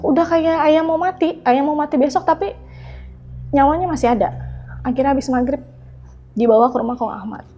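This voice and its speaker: A woman's voice: sits high, dark tone, slight background noise. A woman guest telling a personal story in casual conversation, acting out the quoted dialogue as she goes. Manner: vivid retelling that acts out quoted dialogue. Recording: slightly dull recording with faint music.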